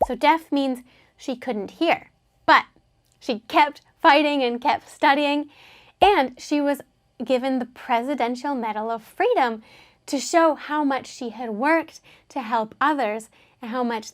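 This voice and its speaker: A woman teaching an English lesson, patiently explaining words and having learners repeat them after her. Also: sits high.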